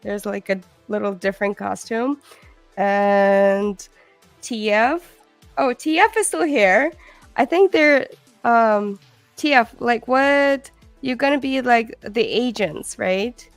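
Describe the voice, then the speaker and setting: A woman hosting a casual live stream chat on a video call, chatty and excitable. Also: on the high side, slow, dry recording, faint music behind. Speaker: stream host.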